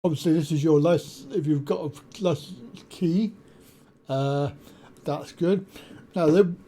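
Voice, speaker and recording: In this screen-recorded walkthrough, a man demonstrates software at an unhurried pace, explaining as he goes and pausing often on ums and uhs. He has a deep, mellow voice that's slightly higher-pitched than typical for a man. Faint hiss runs beneath his desk USB mic.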